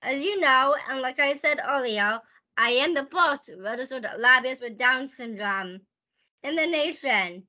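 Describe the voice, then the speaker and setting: Bright, high-voiced earnest woman. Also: lively intonation, measured pace. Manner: earnest, restarts phrases as she goes. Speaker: guest, advocacy lobbyist. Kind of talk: podcast interview answers. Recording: dull lo-fi sound.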